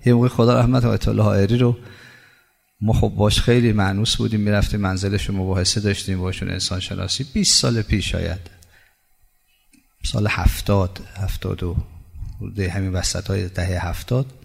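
A middle-aged male cleric delivers a sermon in a low, gravelly voice, with emphatic storytelling that leaps up in pitch on key points. His voice rings with a long hall reverb. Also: fairly even intonation. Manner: emphatic storytelling with sudden high rises. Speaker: cleric preacher.

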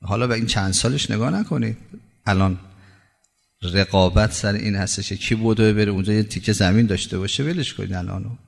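A middle-aged male cleric delivers a sermon in a low, gravelly voice, with emphatic storytelling that leaps up in pitch on key points. His voice rings with a long hall reverb. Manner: emphatic storytelling with sudden high rises. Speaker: cleric preacher.

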